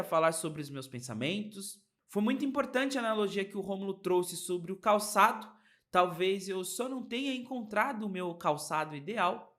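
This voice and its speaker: High-voiced Brazilian man closing his podcast. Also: fairly bright tone. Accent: Brazilian Portuguese. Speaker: podcast host. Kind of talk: scripted podcast outro.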